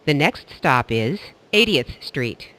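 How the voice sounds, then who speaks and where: A man reading scripted train announcements in a formal, measured public-announcement manner, like an airport announcer. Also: on the high side, big pitch swings, sharp tone, low-quality recording.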